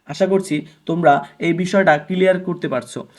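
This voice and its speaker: A young man teaching a basic English grammar lesson, asking questions and answering them himself, and repeating sounds slowly for students to copy. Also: a little high, steady tone.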